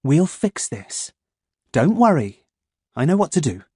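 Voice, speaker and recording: A man's voice: on the high side, sing-song, a little slow, warm tone, slightly rough, dry recording, clean studio sound, pitched above the performer's own voice, heavily acted. A man reading an audiobook, voicing a worried mother who speaks firmly and reassuringly to her son. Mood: firm, anxious. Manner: firm, reassuring. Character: firm, worried mother of two.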